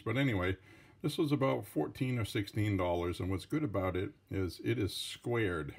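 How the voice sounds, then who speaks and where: Man, French-Canadian accent, low gravelly voice, informal rambling tutorial delivery. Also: darkish tone. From Franco-American. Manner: informal, rambling, defensive asides. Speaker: hobbyist revolver tinkerer. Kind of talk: casual hands-on tutorial.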